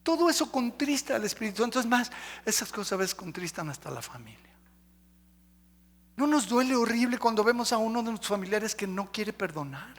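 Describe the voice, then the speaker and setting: A man's voice: high-pitched, sing-song, a little fast, in a large hall. A male pastor preaching emphatically, running through lists and questioning the congregation. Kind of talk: sermon. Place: church sanctuary.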